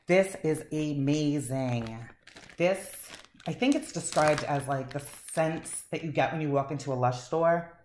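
A woman's voice: sits low, measured pace, a little mellow. A woman chatting casually and enthusiastically as she reviews wax melts, rambling with fillers. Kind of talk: casual chat. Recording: echoey room, faint noise.

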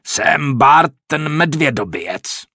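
A man's voice: a little high, expressive, creaky, bright, forceful tone, slightly rough, dry recording, studio quality, full character voice. A man voicing a boastful, brutish male bandit leader who roars and blusters, in an audiobook. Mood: bellowing. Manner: roaring, blustering.

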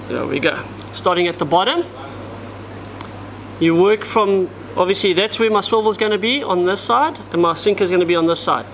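A man's voice: high voice, normal speed, background noise. A man, giving a step-by-step fishing knot tutorial at a table in a tackle shop, talking as he works with his hands. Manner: step-by-step, talks while working with his hands.

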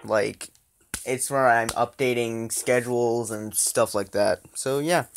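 A man's voice: mid-range voice, steady tone, takes it slowly, creaky, slight background noise. A man hosting a gaming channel, speaking casually in an outro, friendly and repeating his requests.

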